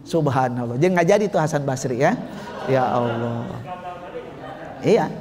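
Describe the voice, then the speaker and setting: A man's voice: mid-range voice, a little slow, a crowd in the background. A man preaching a religious lecture, telling stories and asking the audience questions. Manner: lively, asks the audience questions. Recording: long hall reverb.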